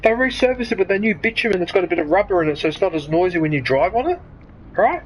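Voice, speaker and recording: Talking fast with big pitch swings, a medium-pitched streamer from Sydney, Australia rants and rambles during live gaming stream chat. They swear freely and then apologize, and the headset-mic audio is poor with a little hiss or hum.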